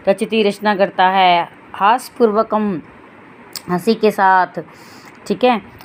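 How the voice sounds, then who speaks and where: A woman's voice: medium pitch, steady tone, slow. A woman teacher reading a Sanskrit text and explaining it line by line for her students. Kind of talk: Sanskrit lesson explained in Hindi.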